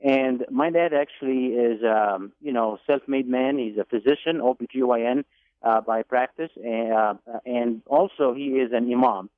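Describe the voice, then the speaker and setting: A man's voice: medium pitch, no echo. Man from Egypt on a tinny phone line. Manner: deliberate, with repeated words and fillers. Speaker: guest. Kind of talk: telling his life story on a radio call-in. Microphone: telephone.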